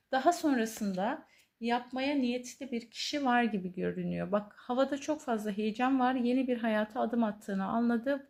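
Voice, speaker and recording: A woman giving a tarot reading to her viewers, earnest, pausing often with drawn-out fillers. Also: on the high side. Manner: hesitant, many drawn-out fillers, soft and earnest. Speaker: tarot reader.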